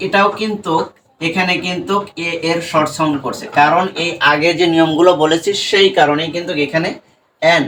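A teacher with a Bengali accent giving a pronunciation lesson, asking questions and answering them himself, repeating words slowly. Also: medium pitch, fairly bright tone, slight background noise. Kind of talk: classroom-style lesson to students.

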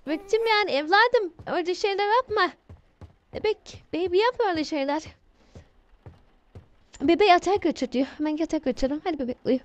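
A young woman playing a horror game while commentating, with excitable, easily startled exclamations. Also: extremely high pitch, fast talker, long pauses, highs cut off. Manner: jumpy, shrieking exclamations when scared. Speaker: gamer.

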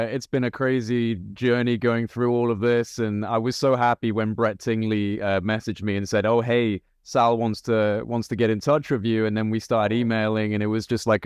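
Smooth low-voiced young podcast host. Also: male voice, normal speed, hardly any pauses, dry recording, clean studio sound. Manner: friendly, relaxed, hedging fillers. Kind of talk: casual interview. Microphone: studio mic on video call.

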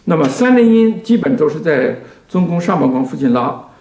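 A man teaching violin, speaking slowly and patiently to a student, his sentences trailing off softly. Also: on the high side, sing-song. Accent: Mandarin Chinese. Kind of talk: explaining to a student in a lesson. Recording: echoey room with violin playing.

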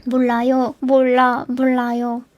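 A woman in her twenties, a livestreamer chatting with her viewers in an animated, flustered, protesting way. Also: high-pitched, slow pace, highs cut off. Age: 20s. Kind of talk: casual chat with viewers. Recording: music playing behind the voice. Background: background music.

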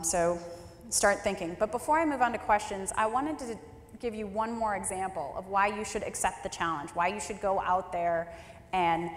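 A woman in her thirties delivers a keynote, telling a personal story in a candid, wry and emphatic way. Her voice sits at an ordinary pitch. It carries through a large hall with a long, roomy reverb. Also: a little hiss or hum. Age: 30s. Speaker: keynote speaker. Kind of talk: storytelling speech. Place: large hall at a leadership forum.

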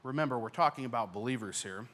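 A young pastor who talks fast at a medium pitch gives an earnest sermon into a handheld microphone on a church stage. He raises his voice for key points and lets it go soft at the close of each phrase.

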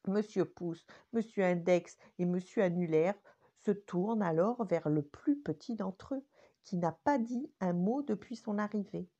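An older woman, a grandmother, narrating a children's bedtime story in a gentle, expressive way. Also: mid-range voice, a little slow, dull audio.

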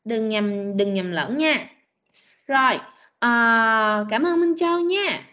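Woman english teacher on a video call, bright voice, slow and patient, drilling words with kids. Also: a little high, expressive, muffled recording. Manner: patient, drills words slowly and corrects pronunciation. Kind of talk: online class teaching pronunciation.

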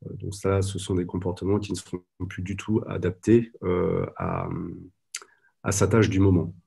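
Low, husky man presenting on a video call. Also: little pitch movement, moderate pace, mellow. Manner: hesitant, many "euh" fillers. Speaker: guide dog trainer presenting at a conference. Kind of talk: online conference presentation.

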